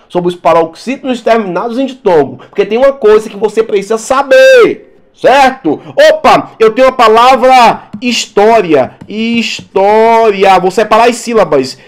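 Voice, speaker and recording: A male teacher giving a lively exam-prep lesson, repeating words for emphasis and talking straight to his students. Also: high-pitched.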